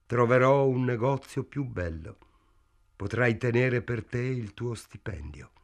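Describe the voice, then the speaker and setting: A man reading a gentle young daughter. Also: medium pitch, lively intonation, unhurried. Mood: tender.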